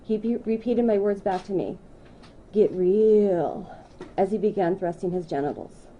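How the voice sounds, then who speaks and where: A woman in her thirties reading a prepared statement at a news conference, in a measured, deliberate way. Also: mid-range voice, muffled recording.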